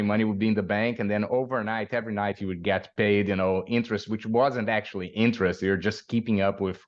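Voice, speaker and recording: A man from Brazil, in his forties, talks as a guest in a low voice. He circles through his stories with fillers and restarts and laughs now and then. The recording sounds dull and lo-fi. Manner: hesitant, many fillers and restarts, laughs while telling stories. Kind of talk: interview storytelling.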